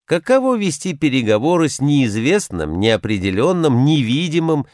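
Expressive man narrating word history. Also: medium pitch, moderate pace, no room sound, clean studio sound. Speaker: language historian explaining word origins. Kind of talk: scripted educational narration.

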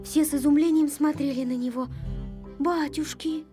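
A woman narrating a children's storybook in an expressive, engaging way. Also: high-pitched, moderate pace, soft background music. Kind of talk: storybook reading.

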